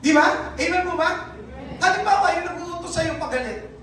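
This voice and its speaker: A high-voiced preacher with a Filipino accent delivers a sermon and keeps asking the congregation for an amen. The voice rings through a very echoey hall, heard from some distance off the mic, with faint room noise behind. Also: expressive, normal speed, fairly bright tone. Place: church hall.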